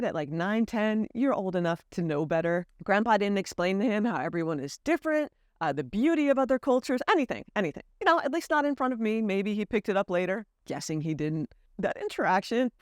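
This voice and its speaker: This is a brisk, medium-pitched American woman, a vlogger recounting something personal to camera in an earnest, candid way with lively emphasis. The audio is studio quality, with no echo.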